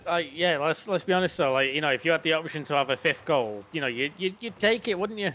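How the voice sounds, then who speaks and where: Brief: male colour commentator, loose and joking, lightly high pitch. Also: lively intonation, quick pace, bright, forceful tone, slight background noise. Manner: joking, casual, swears freely. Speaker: esports co-caster.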